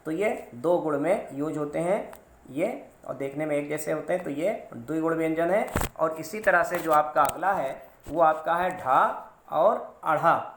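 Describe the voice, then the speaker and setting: A man teaching a grammar lesson, explaining slowly and repeating sounds and terms with stress. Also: on the high side. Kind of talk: classroom-style grammar lesson. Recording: echoey room.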